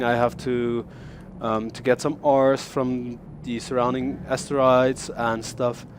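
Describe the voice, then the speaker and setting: A young German man with a mid-range voice casually shows off his in-game build, speaking English as a second language with a German accent. He talks haltingly, full of fillers and repeated words, over a little hiss or hum.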